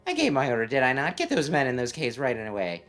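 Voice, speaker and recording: A woman's voice: a bass voice, wildly swooping pitch, fast, soft background music, exaggerated voice. A woman voicing a haughty, menacing male senator with pompous, drawling condescension in a game script. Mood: threatening.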